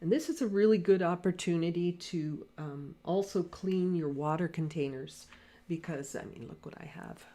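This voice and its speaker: A woman teaching watercolor painting in a live lesson, speaking quietly and thinking aloud as she paints, on a desk mic. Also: on the low side, moderate pace. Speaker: watercolor art instructor. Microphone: desk mic near camera.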